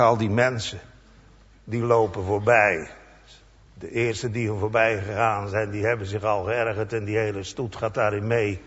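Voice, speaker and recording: A man preaching a sermon in a church, slow and emphatic, acting out the cries of the people in his story. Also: mid-range voice, slightly rough. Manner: slow, emphatic preaching with dramatic voiced quotes. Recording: dull sound with long church reverb.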